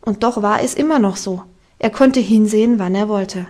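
A woman narrating a classic children's novel as an audiobook, with calm, even storytelling. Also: medium pitch, moderate pace. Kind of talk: scripted narration.

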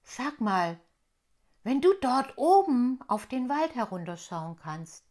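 Woman reading a kids book, doing a curious little elf girl, high pitched and eager, slow. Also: very animated, darkish tone.

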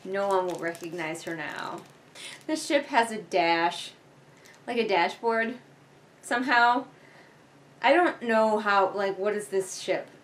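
This young woman, a book reviewer reading along, talks slowly with long pauses in an expressive, medium-pitched voice. Her commentary is casual, rambling and sarcastic, with offhand swearing. She's recorded indoors on a living room couch by a camera a few feet away, and the audio is noisy.

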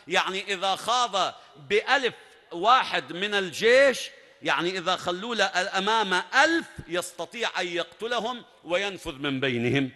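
Male preacher, bright and forceful, dramatic sermon storytelling, echoing hall. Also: high-pitched. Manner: dramatic, emphatic narration with rising bursts. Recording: long reverb at a large venue.

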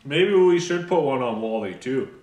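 A man filming a family vlog at home, talking gently and coaxing his children and pets. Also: medium pitch, animated, moderate pace. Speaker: vlogger and father. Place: at home on a countryside property. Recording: roomy, noisy home recording.

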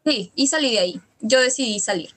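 A woman's voice: fairly high pitch, expressive, a little fast, a bit bright. A young woman from Latin America, a guest telling her story in a casual interview, hesitant with many restarts. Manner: hesitant, many restarts and fillers, quotes her own past words. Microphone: studio microphone.

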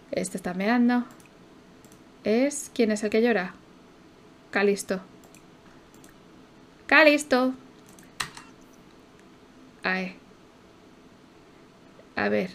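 A woman's voice: medium pitch, slight background noise. A young woman, casually commentating her gameplay, chatty and swearing, often laughing and chanting repeated words. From Spain. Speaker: streamer.

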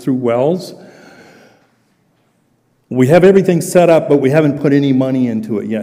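An older man giving an informal financial report to a congregation, talking haltingly with many fillers and restarts. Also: mid-range voice, dark tone. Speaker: church finance presenter. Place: large church sanctuary, indoors. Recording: long church hall reverb.

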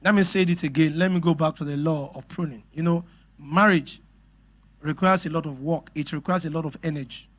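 A middle-aged man with a Nigerian English accent preaching a sermon on marriage. His voice sits a little high for a man. He is lively and laughs readily as he speaks directly to his congregation. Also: a little fast. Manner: animated, laughing, talks straight to the congregation. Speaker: pastor.

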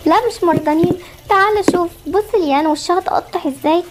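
Woman doing an Egyptian mother, very high voice, quick speech, fretful, amateur game story. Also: noisy background. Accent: Egyptian Arabic. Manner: fretful, scolding and soothing by turns. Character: worried young mother of twin girls.

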